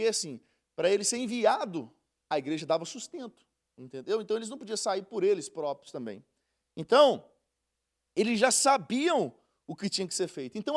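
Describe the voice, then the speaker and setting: A man with a high, gravelly voice teaches a Bible lesson. He talks in a casual, conversational way, slows down to read scripture and tells stories. His pitch swings widely from line to line. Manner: conversational, tells anecdotes, reads scripture slowly.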